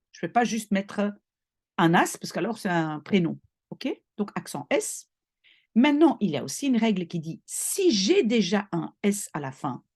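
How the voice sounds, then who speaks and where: A woman teaches a language lesson in a slightly husky, breathy voice. Her pitch moves a lot as she stresses key points. She explains step by step and keeps checking that her students follow. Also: darkish tone. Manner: patient, checks in often with short questions. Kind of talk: explaining spelling rules in a recorded lesson.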